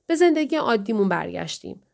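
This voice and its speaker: A woman's voice: medium pitch, very animated, creaky. A woman voicing a distressed man pleading with his wife in an audiobook, earnest and pleading. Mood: explaining. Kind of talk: audiobook dialogue reading.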